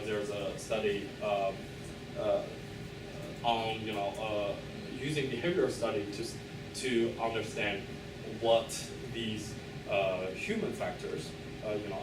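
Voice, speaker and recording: A man with a slightly low voice delivers a thesis defense talk. He is halting and hedging, often pausing to fill gaps as he searches for the next phrase. The recording is roomy and echoing, with clear noise behind him. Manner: hesitant, hedging, halting delivery with many filled pauses. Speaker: PhD candidate presenting a thesis defense. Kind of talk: academic presentation, loosely scripted. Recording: echoey room, distant mic, clear background noise.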